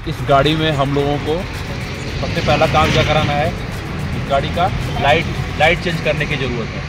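A man's voice: fairly high pitch, steady tone, normal speed, low-quality recording. Young male travel vlogger, upbeat and talky, outdoor walk-and-talk, background music. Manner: chatty, enthusiastic, asks a local questions. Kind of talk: casual on-camera tour commentary. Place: outdoors at a hill fort.

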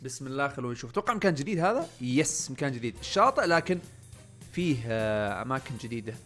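A young man giving casual let's-play commentary, muttering to himself and yelling when things go wrong. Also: mid-range voice, sing-song, very fast, soft background music. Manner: chatty, often muttering under his breath, bursts of panicked yelling. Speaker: gaming channel host.

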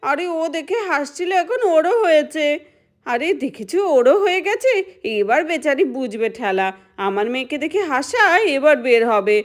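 A woman's voice: high-pitched, animated, normal speed. A woman voicing a worried village mother who complains and gossips about the neighbours. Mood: fretful. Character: fretful village mother of a sick girl.

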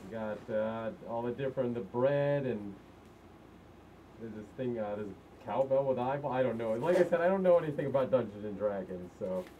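A host chatting casually through an unboxing from inside a fursuit head, halting with many fillers and restarts. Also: medium pitch, narrow, tinny audio, slight background noise.

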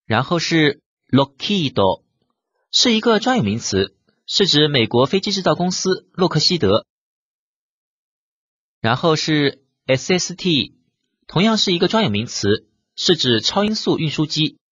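A man's voice: on the high side, sing-song, moderate pace, long pauses, a bit bright, slightly rough, no room sound, lo-fi sound. A man teaching a vocabulary lesson. He works methodically through example sentences and translates each one. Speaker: language teacher. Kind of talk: vocabulary lesson explaining Japanese words.

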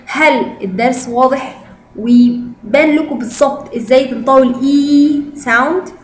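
Woman, Egyptian Arabic accent, high voice, encouraging pronunciation teacher, echoey room, faint background hum. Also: measured pace. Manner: encouraging, praises often, switches between Arabic and English. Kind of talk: online language lesson.

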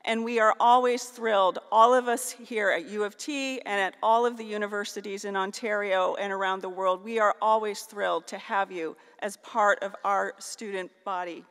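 A middle-aged American woman from northeastern Ohio delivers a formal graduation keynote into a stand-mounted podium mic on a big auditorium stage, with long hall reverb around her. Her medium-pitched voice is clean and fairly bright, moving at a moderate pace with fairly even intonation and few pauses.

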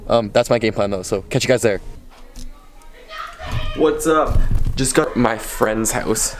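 A man's voice: on the low side, measured pace, over music. A young man from Canada talking casually to a handheld camera, hesitant and full of fillers. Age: young adult. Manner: mumbly, hesitant, filler-heavy. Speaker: vlogger. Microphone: camera held at arm's length.

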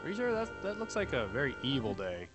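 A man co-hosts a let's-play in a rambling, joking, sweary way. His mid-pitched voice is lively and varied, and game music plays clearly behind it. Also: fast talker. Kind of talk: casual gameplay commentary.

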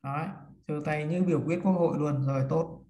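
A man's voice: on the high side, fairly even intonation, mellow. A man teaching a class, counting and explaining steps one by one to his students. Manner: slow, step-by-step counting and instructing. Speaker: feng shui teacher. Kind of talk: classroom lesson. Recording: echoey room.

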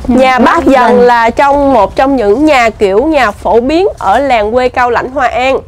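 A woman's voice: high-pitched, slight background noise. A woman hosting a casual travel vlog outdoors, asking questions and reading signs aloud. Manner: chatty, asks questions, reads signs aloud slowly. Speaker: vlog host. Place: outdoors at a heritage site.

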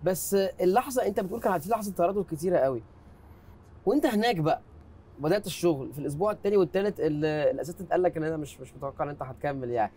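A man's voice: a little high, very fast, warm tone. An Egyptian man with an Egyptian Arabic accent hosting a film interview, eager and emphatic, often affirming his guest. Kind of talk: interview conversation.

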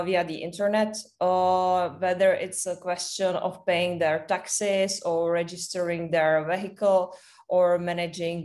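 A young Czech-accented woman presents over a video call, her voice somewhat low and held in a narrow, flat range. She speaks hesitantly and fills pauses with frequent "uh"s. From Czech Republic. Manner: hesitant, many "uh" fillers. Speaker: think tank director presenting. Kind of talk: webinar presentation. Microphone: webcam on a video call.

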